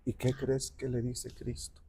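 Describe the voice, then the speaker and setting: Mellow-voiced man telling a story. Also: mid-range voice, measured pace, a little hiss or hum. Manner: animated, acts out quoted dialogue. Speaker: guest speaker on the parish patron saint. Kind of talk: conversational storytelling.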